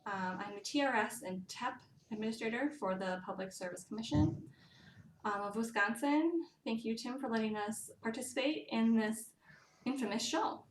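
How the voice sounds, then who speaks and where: A woman's voice: on the high side, moderate pace, recorded from a distance. A woman working as a live interpreter, voicing a deaf speaker's words in first person over call audio. She sits back from the mic, and the sound is roomy with a faint hiss behind it. Her pace is uneven and she often restarts her phrases. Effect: live interpreter voice, speaking for another person in first person. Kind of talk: spoken interpretation on a recorded call.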